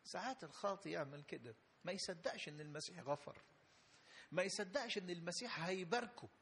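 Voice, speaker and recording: A man's voice: high voice, lively intonation, fast talker, a bit bright. A man preaching a sermon with an Egyptian Arabic accent, emphatic and repetitive, building to fervent peaks. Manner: emphatic, repeats phrases, rising fervor.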